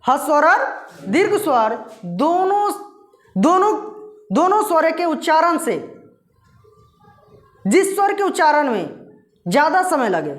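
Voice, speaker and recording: Echoey high-voiced woman teaching grammar. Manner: asks questions and answers them herself; repeats key terms slowly. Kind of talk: Hindi grammar lesson.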